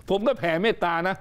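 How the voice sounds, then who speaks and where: A politician appears as a guest on a studio talk show, being interviewed in an emphatic, joking manner. He frequently repeats his words.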